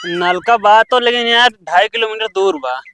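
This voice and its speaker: A man's voice: sits high, normal speed, sharp tone, soft background music. A man with an Awadhi accent playing a blunt, scolding village man in an amateur comedy sketch. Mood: chiding. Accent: Awadhi, eastern Uttar Pradesh.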